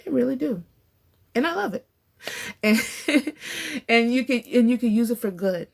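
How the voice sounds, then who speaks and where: A woman in her forties talking casually and warmly encouraging others on a faith-based podcast, often laughing between thoughts. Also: a little high, expressive, normal speed, creaky. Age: 40s. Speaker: podcast speaker.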